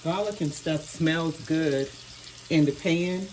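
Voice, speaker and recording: Woman, low voice, chatty home cooking vlog, talks to viewers as "y'all", loud sizzling pan behind her. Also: slow, a little hiss or hum. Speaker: home cook vlogger. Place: home kitchen. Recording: home kitchen audio with loud frying sizzle. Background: frying and sizzling in a pan.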